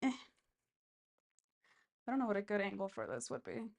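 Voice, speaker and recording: A woman's voice: mid-range voice, fairly even intonation, moderate pace, darkish tone. A woman vlogging casually while she does chores, thinking aloud in a rambling way. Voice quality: gravelly vocal fry. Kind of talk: casual, rambling self-filmed chat while cleaning.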